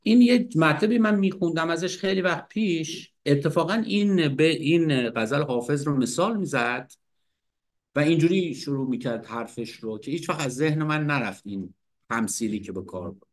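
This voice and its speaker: A man hosting a casual poetry lecture, reciting verses and explaining them in an animated way. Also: a little high. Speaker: literature teacher and host.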